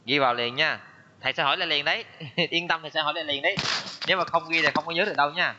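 A male English teacher runs an online language class, patiently drilling words and repeating them for pupils. His fairly high voice goes very fast, and the lo-fi audio is dull and noisy.

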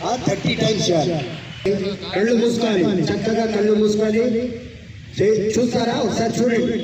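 A man leading a public yoga session, coaxing the group with cheerful calls to clap, shout and laugh. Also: high-pitched, fairly even intonation, fairly quick, a crowd in the background. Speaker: yoga instructor. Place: outdoor public yoga event. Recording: roomy echo from far off, noisy.

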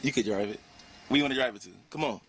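A man's voice: mid-range voice, racing. A young man bantering casually in a prank video, playful and often repeating himself. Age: young adult. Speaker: prankster husband. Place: inside a parked sports car. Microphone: handheld camera in the car. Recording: noisy car interior with vehicle sound.

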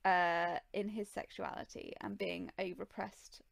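A woman's voice: lowish voice, level tone, a little slow, creaky, dry recording. A woman co-hosting a podcast, chatting casually in rambling, self-correcting sentences. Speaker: podcast co-host. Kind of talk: casual chat.

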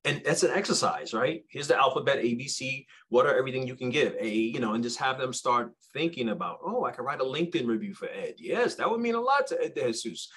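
A man's voice: mid-range voice, lively intonation, fast talker, few pauses, fairly bright tone, slightly rough, low-quality recording. A man who runs youth programs, speaking with energy on a video-call panel and often tossing in rhetorical "right?" questions. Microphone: webcam on a video call.

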